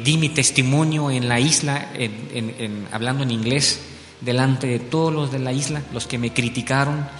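Man giving earnest church testimony, echoey. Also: mid-range voice. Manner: earnest storytelling, tag questions. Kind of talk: spoken testimony. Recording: echoey hall with soft music.

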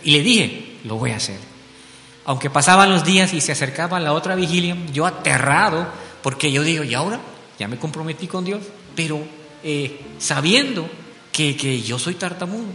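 A man from Belize giving an earnest spoken testimony in church, telling his story with frequent tag questions. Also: mid-range voice. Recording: echoey hall with soft music.

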